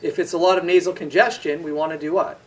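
Fairly high-pitched and quick, with fairly even intonation, a man lectures on pharmacology and answers the questions he puts to his students. The distant mic captures an echoey lecture room and faint hiss.

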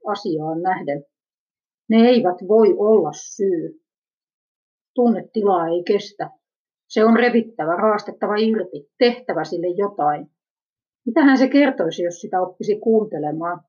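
Husky woman reading introspectively, lo-fi. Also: fairly low pitch, warm tone. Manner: introspective, self-questioning. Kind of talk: first-person reading of a personal narrative. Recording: dull lo-fi recording.

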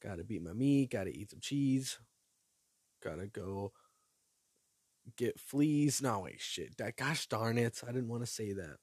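A young man, sleepy and rambling, hosts a solo podcast in a silly, wandering monologue packed with ums and asides. His voice sits a bit low and drags at an unhurried pace. The sound is dry and close with no room around it. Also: animated, darkish tone, breathy edge, dry recording. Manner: silly, drowsy, meandering with many fillers. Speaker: podcast host. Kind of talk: rambling late-night monologue.

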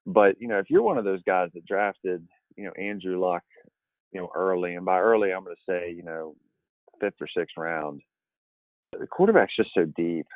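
A man with a very low voice rambles through casual podcast talk, full of fillers and restarts. His voice comes over a tinny, phone-like line in a dry space. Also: moderate pace, no echo. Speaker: fantasy football podcast analyst.

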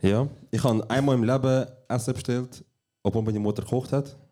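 A man's voice: mid-range voice, steady tone, a little fast, dark tone. A young man with a Swiss German accent, co-hosting a casual podcast recorded live, telling stories in a laid-back, dry way. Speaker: podcast co-host. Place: small venue, live recording.

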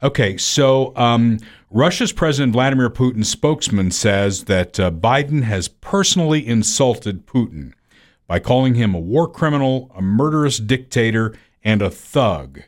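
A man co-hosting a podcast, chatting casually about the news in a drawn-out, conversational way. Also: mid-range voice, lively intonation. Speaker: podcast co-host. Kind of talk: casual political chat.

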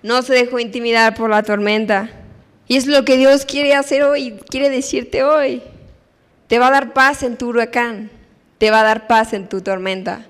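A woman preacher giving an expressive sermon, acting out voices as she tells stories. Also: on the high side, moderate pace. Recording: long hall reverb.

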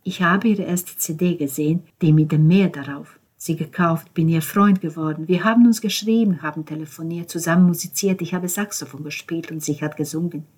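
A woman voicing a tired, calm man who speaks in a subdued way. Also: deep voice, a little fast, few pauses, breathy edge. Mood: reminiscing.

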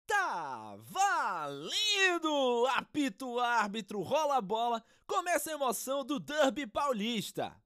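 A performer playing an excitable football radio commentator in explosive goal commentary, with drawn-out shouts. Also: medium pitch, clear, resonant tone. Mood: explosive excitement.

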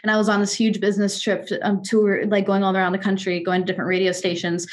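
A twenty-year-old music artist and executive from Kansas City, United States, tells her story candidly in an interview, speaking with earnest, articulate emphasis. Her medium-pitched voice is delivered completely flat and at a quick pace.

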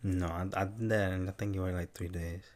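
A man co-hosting a casual chat podcast, teasing and quizzing his co-host in a relaxed, playful way. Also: low-pitched, normal speed.

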